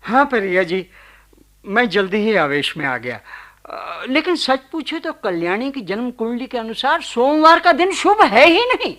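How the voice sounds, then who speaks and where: A cranky bride's dad in an old radio drama, really high bright voice, gets defensive fast. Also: male voice, sing-song, heavily acted. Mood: sheepish. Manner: defensive, flares up, then backs down. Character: stubborn, quick-tempered middle-aged man, the bride's father. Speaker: bride's father. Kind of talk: 1980s radio play acting.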